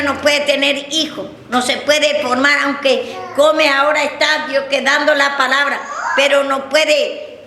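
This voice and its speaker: A woman pastor, preaching a sermon slowly and repetitively, often pausing on fillers. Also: high voice, bright, forceful tone. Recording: echoey room with faint background noise.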